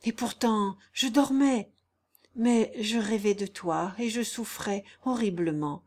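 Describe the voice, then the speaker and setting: A woman's voice: mid-range voice, slow, a little mellow. A woman voicing a pale, feverish young baron who speaks in an impassioned, reproachful way in an audiobook. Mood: anguished. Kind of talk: audiobook character reading.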